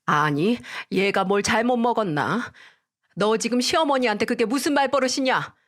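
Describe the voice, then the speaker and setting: A woman's voice: on the high side, moderate pace, voice pushed up, natural voice. A woman voicing a greedy, scolding older mother-in-law in a dramatized story reading. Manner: scolding, indignant.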